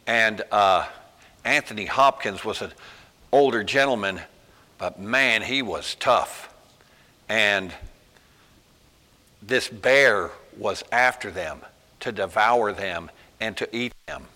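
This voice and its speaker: A man preaches in a slow, folksy storytelling manner, with casual asides between emphatic points. His voice is bright and forceful. A long reverb from the hall follows his words. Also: fairly low pitch. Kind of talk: sermon.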